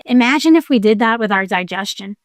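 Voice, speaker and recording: A woman's voice: mid-range voice, lively intonation, fairly quick, no room sound, clean studio sound. A woman hosting a podcast as an emotional coach, talking in a playful, earnest and folksy way. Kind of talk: conversational podcast monologue.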